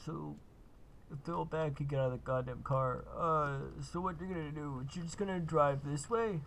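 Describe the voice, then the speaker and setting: Gravelly laid-back man explaining gameplay. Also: on the high side, normal speed, a bit bright, a little hiss or hum. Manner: laid-back, lots of uh and kinda. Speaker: gaming video host. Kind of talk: casual gameplay walkthrough.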